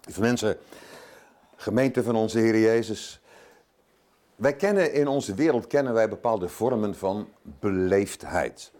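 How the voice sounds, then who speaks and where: Older man preaching, lowish voice. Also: unhurried, long pauses, mellow. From Zeeland, Netherlands. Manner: chatty, self-joking, informal asides. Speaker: guest preacher. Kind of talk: sermon.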